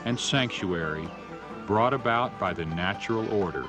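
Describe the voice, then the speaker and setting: A man narrating a scripted nature documentary in a measured, storytelling way. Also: lowish voice, lively intonation, music in the background.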